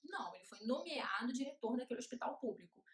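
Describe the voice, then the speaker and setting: Woman law teacher, higher register, sing-song list drills, roomy echo. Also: animated, fast. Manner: rhythmic chanting of checklists. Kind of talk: classroom lecture at a whiteboard. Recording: echoey room.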